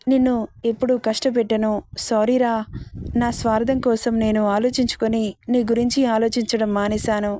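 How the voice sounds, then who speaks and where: A woman's voice: fairly high pitch, little pitch movement, normal speed, dark tone, a little hiss or hum, lightly acted. A woman voicing a loving young husband who pleads tenderly with his wife in a storybook reading.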